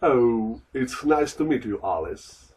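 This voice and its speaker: Brief: male lesson voice, slow, deliberate repetition, lively pitch, off-mic. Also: far from the mic, rough recording. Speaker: lesson model voice repeating lines. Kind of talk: slow repeat-after-me drills.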